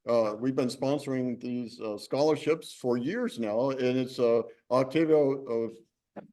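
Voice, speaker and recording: A man's voice: medium pitch, a little slow, warm tone. Rambling man hosting a meeting. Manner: rambling, full of fillers and restarts. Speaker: program director and host. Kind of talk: informal meeting introduction. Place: university classroom.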